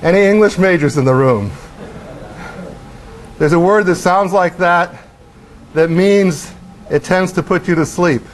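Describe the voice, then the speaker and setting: A middle-aged man giving a university lecture in a lecture hall, animated as he acts out motion and tosses wry questions to the class. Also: high-pitched, a little slow, pauses often, a little hiss or hum. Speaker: professor.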